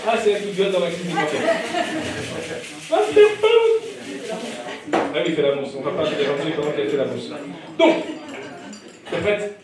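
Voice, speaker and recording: A man's voice: a little high, fast, long pauses. Male stand-up emcee, teasing banter with the dinner crowd, slightly raised voice, heard from afar in a very echoey room full of people. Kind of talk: live stand-up crowd work. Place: comedy club during dinner service. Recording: echoey room, distant mic, audience.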